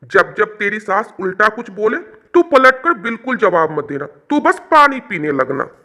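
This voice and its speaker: A middle-aged man voicing a gentle father in a cartoon story, asking anxious questions and coaxing his daughter. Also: high voice, sing-song, measured pace, exaggerated voice.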